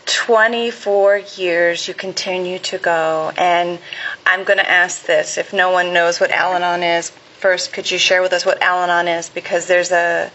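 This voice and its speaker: A woman's voice: fairly low pitch, little pitch movement, measured pace, fairly bright tone. A woman host asking an interview question, with short encouraging affirmations. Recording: dull lo-fi audio.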